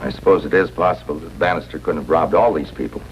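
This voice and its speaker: An actor playing a concerned, sober doctor in a 1950s TV broadcast drama. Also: male voice, rumbling low, fast. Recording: muffled, noisy old TV soundtrack.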